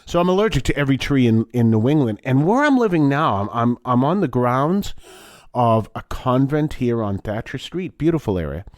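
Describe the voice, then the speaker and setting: A man's voice: medium pitch, moderate pace, no echo, studio quality. A middle-aged or older man from Massachusetts with a wheezy voice, wheezing from allergies as he hosts a casual, rambling religious talk. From Massachusetts, United States. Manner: rambling, animated storytelling with acted-out quotes. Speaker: religious talk show host. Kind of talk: casual, conversational faith talk.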